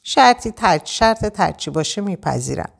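A woman's voice: mid-range voice, very animated, gravelly. A woman voicing an anxious, spoiled rich young woman who pleads and stammers in an audiobook. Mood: pleading.

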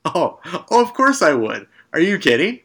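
Bright-voiced man hosting a sports podcast. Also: fairly high pitch, huge pitch swings. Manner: rambling, enthusiastic, quick to laugh. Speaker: podcast host. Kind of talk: casual sports chat.

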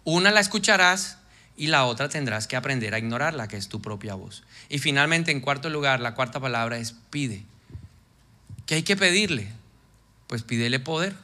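Bright-voiced man preaching a lively sermon. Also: mid-range voice, normal speed. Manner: lively preaching, acts out quoted voices, drops to soft intense tones. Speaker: pastor.

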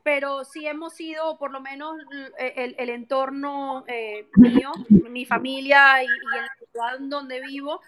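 With a crowd audible behind her, a high-pitched woman speaks at a measured pace with fairly even intonation and hardly any pauses. She's a real estate agent from Venezuela, a friendly live-stream guest in a casual interview who laughs readily and uses many fillers and restarts.

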